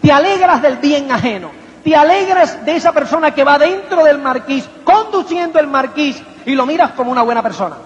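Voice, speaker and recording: A man with a very high voice gives a motivational seminar talk, peppering it with rhetorical questions and playful mimicry. His voice rings with a long hall echo, and the recording sounds dull and lo-fi, with a faint hiss behind it. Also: expressive, a little fast. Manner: rhetorical, keeps asking "¿me entiendes?"; acts out little quoted voices and anecdotes. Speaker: motivational speaker.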